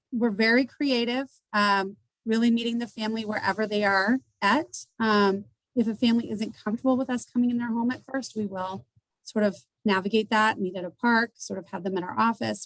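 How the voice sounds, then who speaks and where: A woman's voice: medium pitch, no echo, low-quality recording. A woman from a community agency presenting at a forum, explaining services in a hesitant way with frequent ums and restarts. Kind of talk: panel presentation. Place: indoor meeting.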